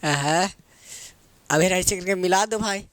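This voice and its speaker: A man's voice: high voice, slow, a bit bright, no room sound. A man teaching grammar in a playful, joking way, asking questions and answering them himself. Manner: asks questions and answers himself, calls viewers babu.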